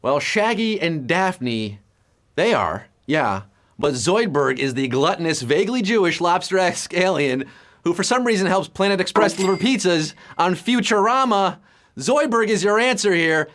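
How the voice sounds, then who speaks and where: High-pitched joking game show host man. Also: expressive, normal speed, fairly bright tone. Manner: playful, jokey patter with sudden pitch jumps. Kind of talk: live game show hosting.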